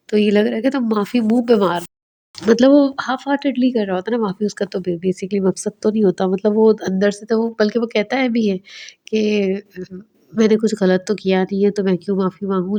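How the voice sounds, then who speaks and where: A woman's voice: mid-range voice, mellow. A woman with a Pakistani Urdu accent, recapping a TV drama episode in a casual, chatty way and briefly voicing the characters' lines as she retells them. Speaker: drama reviewer.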